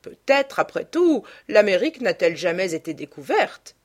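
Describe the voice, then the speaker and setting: A woman voicing a cultured, quiet old gentleman who speaks in a musing, plaintive way. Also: mid-range voice, big pitch swings, moderate pace.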